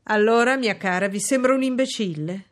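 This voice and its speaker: A woman doing a sardonic, teasing gentleman. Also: medium pitch, normal speed, natural voice. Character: brusque, mocking middle-aged gentleman.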